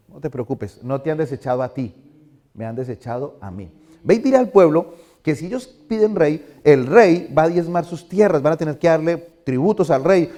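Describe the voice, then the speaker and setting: A man's voice: fairly high pitch, warm tone. A middle-aged male pastor giving a conversational sermon in a church, asking the congregation questions.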